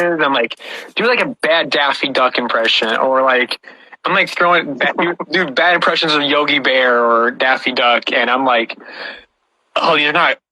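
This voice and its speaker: Man, podcast host, very bright voice, dry sound, storytelling, restarts a lot. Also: medium pitch, no echo, rough recording. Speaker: podcast host and puppet creator. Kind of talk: casual podcast chat.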